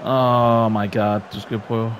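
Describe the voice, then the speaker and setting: A man giving excitable, exclamation-filled commentary while he plays a football video game. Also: lowish voice, a faint crowd, a little hiss or hum. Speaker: gaming YouTuber.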